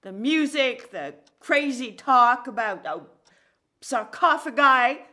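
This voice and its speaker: A woman voicing a high, lively mother dodging her grown daughter's questions. She hesitates and trips over her words. The voice is bright in this audio play. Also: full character voice. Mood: evasive. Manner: hesitant, halting when pressed. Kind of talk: audio drama acting.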